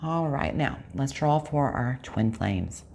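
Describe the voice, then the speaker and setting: Woman tarot reader, low gravelly voice, chatty and direct with viewers, casual. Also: expressive, slow pace, darkish tone, slight background noise. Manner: chatty, talks straight to viewers, corrects herself aloud.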